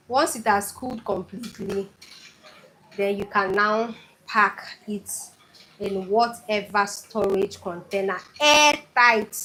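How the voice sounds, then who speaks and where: A woman with a Nigerian Igbo accent talks through a home cooking lesson at an unhurried, deliberate pace. She is chatty and keeps repeating her key points for emphasis. A faint hiss of noise sits under her voice. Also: mid-range voice, a bit bright, rough recording. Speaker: cooking channel host. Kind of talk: casual cooking tutorial.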